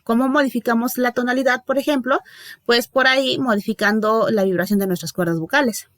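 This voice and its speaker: A woman's voice: on the high side, fairly quick, a bit bright, no room sound, clean studio sound. A woman giving a recorded lecture, talking in a loose, conversational way, full of fillers and restarts and often checking in with her listeners. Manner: conversational, many fillers and self-corrections; checks in with listeners with tag questions. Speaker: teacher.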